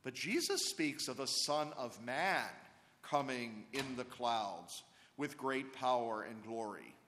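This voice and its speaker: A man of middle pitch preaches at a leisurely, deliberate pace, every phrase trailing into a long cathedral echo. He reads and explains scripture as a priest in a large church. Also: animated, sharp tone, slight background noise. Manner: slow, measured liturgical delivery. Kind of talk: Gospel reading and homily at Mass.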